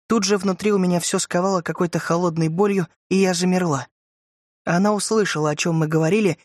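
A man's voice: high-pitched, no room sound, clean studio sound. A man narrating a horror audiobook in a tense, dramatic reading style. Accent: Russian. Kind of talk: scripted narration.

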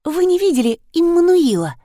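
A woman voicing an excitable older woman who dotes on her cat, pitched high and shrill. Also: moderate pace, no room sound, studio quality. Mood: doting. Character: frantic older woman, doting cat owner.

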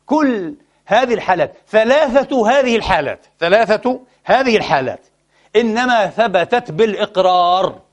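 A man preaching an impassioned sermon, addressing his listeners as brothers and swinging between soft and loud delivery, saddened and frustrated. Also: high-pitched, lively intonation, normal speed. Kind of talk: Friday sermon.

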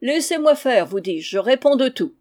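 A woman reading aloud and voicing a polite young male traveler who speaks gently and reassuringly. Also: high-pitched, expressive, normal speed, voice pushed up.

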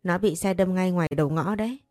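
A woman's voice: on the low side, fast talker, a little mellow, no echo, studio quality, natural voice. A woman voicing a concerned older neighbor who breaks bad news in a plain, chatty way.

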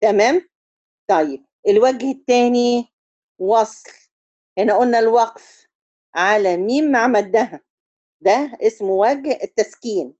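Mellow Egyptian woman teaching recitation. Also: fairly high pitch, no echo, dull audio. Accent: Egyptian Arabic. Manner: explains step by step and keeps checking understanding; chants drawn-out syllables to demonstrate recitation. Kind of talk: tajweed lesson.

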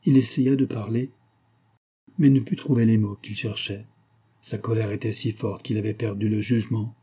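Dark-voiced male audiobook narrator. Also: lowish voice, steady tone, normal speed, slightly rough.

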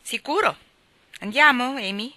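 A woman's voice: fairly high pitch, expressive, a little slow, bright, forceful tone, no echo, pitched above the performer's own voice, heavily acted. A woman voicing a blunt, rebellious young woman in a storybook reading, speaking brusquely and emphatically.

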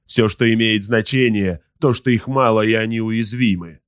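A man doing a proud, wrathful warrior captain from a sci-fi audiobook, a low voice that turns loud and forceful as it snaps out orders. The read is close and dry, with no room around it. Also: moderate pace, smooth, dry recording, lightly acted. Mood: commanding. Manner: commanding, barking orders. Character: arrogant wrathful male space marine captain. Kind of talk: audiobook character voice.

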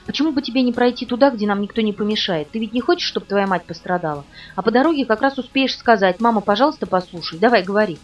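A woman's voice: medium pitch, fast talker, few pauses, natural voice. A woman reading a polite, menacing male villain. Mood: cold, polite menace. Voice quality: pleasant tenor, falsely polite. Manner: calm, commanding, mocking. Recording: dull, distant recording with faint music.

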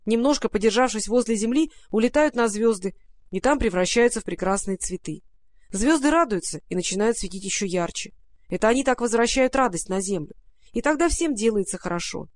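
A storyteller voicing an old, grumbling, soft-hearted male raccoon who sighs and mutters fussily. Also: mid-range voice, close to an everyday voice. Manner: sighing, fussy muttering. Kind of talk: storybook reading.

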